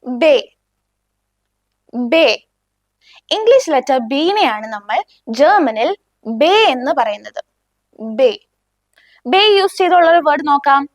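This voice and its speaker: Slow, patient Malayali woman teacher. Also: sits high, animated, no echo. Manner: patient, repeats each word twice and asks learners to repeat after her. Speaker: German language teacher. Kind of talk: slow beginner language lesson with repetition drills.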